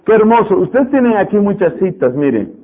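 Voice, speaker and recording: A man preaching a sermon, animated and repetitive, mimicking stubborn voices to make his point. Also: high voice, a little fast, slightly rough. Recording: tinny phone-like radio broadcast.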